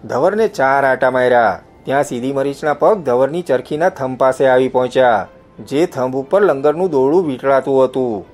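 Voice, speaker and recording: A man reading a novel aloud as an audiobook narrator, telling it in first person and lifting his voice for the shouted lines. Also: mid-range voice.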